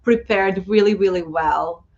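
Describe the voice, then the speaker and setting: A woman moderating an online conference, praising speakers warmly with many fillers, over a video call. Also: medium pitch, measured pace. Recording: dull lo-fi video call audio.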